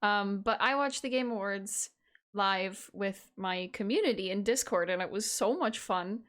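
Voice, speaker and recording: A woman's voice: medium pitch, unhurried, a bit bright. A woman in her late twenties co-hosting a podcast, chatting casually with dramatic, self-mocking complaints and free swearing. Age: 20s. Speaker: podcast co-host. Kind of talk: casual chat.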